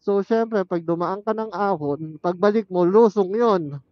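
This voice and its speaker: A man with a high-pitched voice speaks a little slowly, chatting casually and thinking aloud as a motorcycle vlogger while riding mountain roads outdoors. He talks into a helmet intercom headset used as an external mic, so the dry recording sounds muffled.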